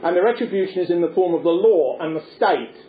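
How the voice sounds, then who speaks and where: A man's voice: sits high, animated, fast talker, a little hiss or hum. A man giving a discursive lecture in a wry, erudite, digressive manner. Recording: echoey tinny phone-like recording.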